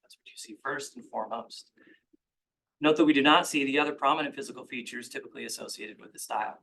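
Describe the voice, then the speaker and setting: A man giving formal public comment at a commission hearing, measured and argumentative. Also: mid-range voice, bright, forceful tone, slight background noise, low-quality recording.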